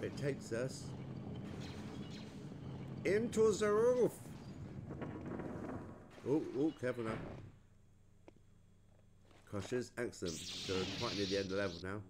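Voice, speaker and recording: A man hosting a video game playthrough gives casual, chatty, informal commentary as he plays. His voice is fairly low, at normal speed, with frequent pauses, in a noisy home recording.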